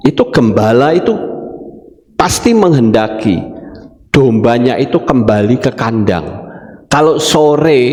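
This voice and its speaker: A man preaching a sermon as pastor, addressing the congregation directly. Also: medium pitch. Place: church hall. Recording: echoey church hall with long reverb.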